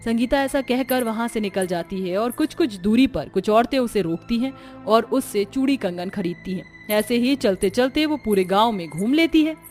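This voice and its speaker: A woman narrates a cartoon story in a steady, plain manner. Her voice sits fairly high. Faint background music plays under her. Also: moderate pace.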